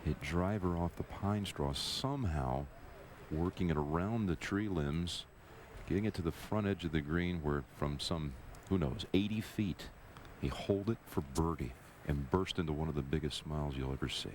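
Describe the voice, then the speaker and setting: A man anchoring live golf commentary on television, with measured, storytelling phrasing. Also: a bass voice, a little mellow. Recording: VHS broadcast with crowd and noise.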